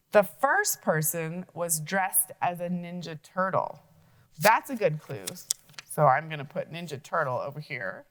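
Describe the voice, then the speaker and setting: Lively woman teacher thinking aloud. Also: lowish voice. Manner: thinks aloud, asks questions to kids. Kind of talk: classroom logic-puzzle lesson for young children.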